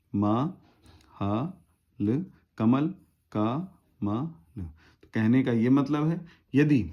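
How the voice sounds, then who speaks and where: A man's voice: medium pitch, muffled recording. A man teaching shorthand in a tutorial, patiently spelling out words syllable by syllable. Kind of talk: step-by-step tutorial explanation.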